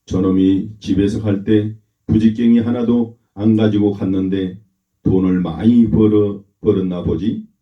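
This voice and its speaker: A man doing gruff suspicious older brother, low voice, blunt, dull lo-fi sound. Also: fairly even intonation, a little slow, close to an everyday voice. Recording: roomy, dull lo-fi recording.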